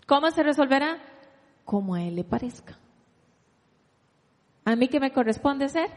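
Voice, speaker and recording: A woman preacher reads scripture aloud in her sermon, asking rhetorical questions and inviting listeners to read along. Her high-sitting voice has lively intonation at a normal speed, trailed by a long reverb.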